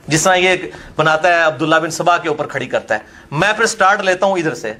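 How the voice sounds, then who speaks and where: Punjabi-accented male preacher, high-pitched, combative and mocking, fires questions at his listener. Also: fairly bright tone. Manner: combative, mocking, drifts between Urdu and Punjabi. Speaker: religious speaker. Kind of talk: polemical religious lecture.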